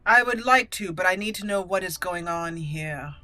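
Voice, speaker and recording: A woman with a lowish, expressive voice hosts a let's play, reading game dialogue in character with theatrical flair at a moderate pace. Her delivery is pushed and bright, with video game music playing behind her and no room sound.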